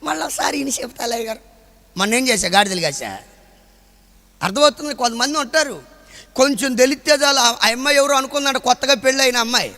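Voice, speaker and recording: Preacher, male, very high voice, storytelling into shouted drawn-out sermon, long echo on the sound. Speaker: pastor. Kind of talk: revival sermon. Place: large outdoor gathering.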